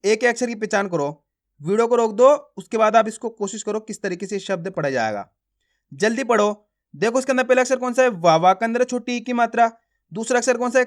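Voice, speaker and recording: A man's voice: high-pitched, a bit bright. A man teaching beginners to read, sounding out each syllable and then blending it into the whole word, and coaxing viewers he calls friends. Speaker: Hindi reading teacher. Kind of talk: syllable-by-syllable reading lesson.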